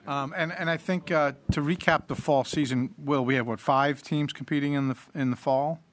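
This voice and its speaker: A man's voice: a little high, fairly even intonation, moderate pace, no room sound. A man hosts a team event. He speaks loosely and conversationally to the room. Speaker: event host.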